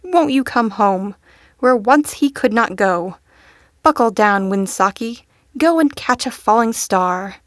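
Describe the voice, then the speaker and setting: Storybook butterfly: a giddy dandy of a male butterfly, playful and sing-song, fairly high voice, dry close sound, read by a woman. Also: lively intonation, slow pace, no room sound.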